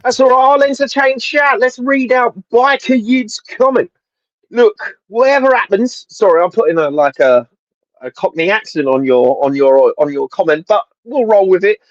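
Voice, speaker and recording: Bloke in his 40s, fairly high voice, banter, says bro and mate a lot, bit muffled. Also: moderate pace, dry recording. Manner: laddish banter, ends lines with bro and mate. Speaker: co-host. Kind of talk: casual livestream chat.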